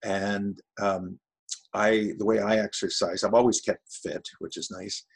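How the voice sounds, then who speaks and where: Retired man in his sixties, low husky gravel, loose and rambling, interview guest. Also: little pitch movement, a little slow. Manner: rambling, self-deprecating, with frequent restarts. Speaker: voice-over artist guest. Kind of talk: casual interview chat.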